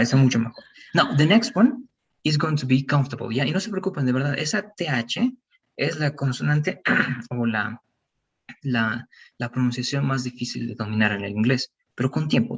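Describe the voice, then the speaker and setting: A man's voice: mid-range voice, moderate pace, slightly rough, distant mic, dull audio. Patient, encouraging male English teacher. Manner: patient, encouraging, switches between Spanish and English. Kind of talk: online English pronunciation lesson.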